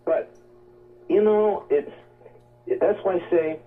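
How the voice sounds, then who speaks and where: A man with a high voice speaks slowly on a shortwave radio broadcast, sounding phone-like and distant from the mic, with faint music behind him. He is a guest promoting health supplements, giving an unscripted, rambling and emphatic health talk that exhorts listeners.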